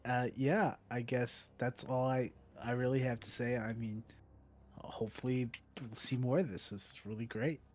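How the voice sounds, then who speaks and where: A man's voice: mid-range voice, flat delivery, moderate pace. A man who just played a tabletop game, chatting casually and enthusiastically about it. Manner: enthusiastic, trails off softly at ends. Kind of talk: casual chat.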